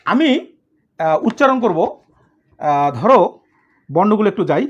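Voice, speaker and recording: A man's voice: high-pitched, sing-song, measured pace. A male teacher giving a grammar lesson for students. He explains step by step, keeps checking in with the class and mixes in English words. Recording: dull lo-fi recording.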